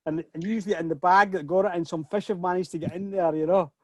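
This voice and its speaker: A man's voice: sits high, steady tone, quick pace, no room sound. A middle-aged man hosting a whisky tasting over a video call, chatty and often repeating words as he starts a sentence. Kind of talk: casual online tasting talk.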